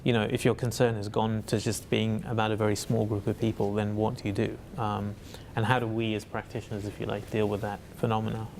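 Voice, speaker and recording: A man's voice: lowish voice, little pitch movement, brisk, vocal fry, hardly any pauses, darkish tone, slight background noise. A man talking as an interview guest about his work as a facilitator, in a reflective and hesitant way with many fillers and restarts. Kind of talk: reflective conversational answer.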